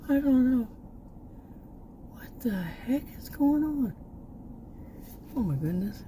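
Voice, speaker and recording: A middle-aged American vlogger from Texas chats slowly and casually outdoors near a park, her voice sitting high, warm, and lively in intonation. She often trails off and circles back, over a little hiss or hum.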